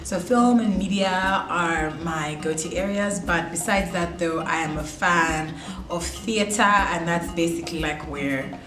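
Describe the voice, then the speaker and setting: A woman from Zambia and Tanzania talks freely, circling her point with fillers and restarts. The room adds a clear echo, and faint music sits underneath. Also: lowish voice, a little slow. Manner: rambling, lots of "like" and restarts. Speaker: guest in film and media. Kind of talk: casual interview answers.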